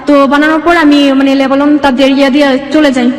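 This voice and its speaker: A young woman from Bangladesh, appearing as an interview guest, tells her life story in a brisk, high voice with little pitch movement, rambling and quoting dialogue along the way. The room is reverberant, with an echoey, hall-like sound.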